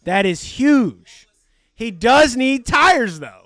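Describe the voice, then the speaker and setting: A man hosting a live race stream, giving excitable, profane, jokey commentary. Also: very high-pitched, takes it slowly, no room sound, clean studio sound.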